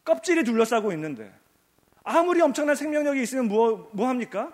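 A man's voice: extremely high pitch, very animated, quick pace, in a large hall. A male pastor preaching a sermon, emphatic and repetitive, asking rhetorical questions, in a church sanctuary.

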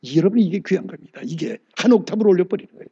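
High-voiced emphatic preaching man. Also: expressive, racing, dark tone, husky, dull audio. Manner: emphatic, exclamatory preaching with rhetorical questions. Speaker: pastor. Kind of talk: sermon.

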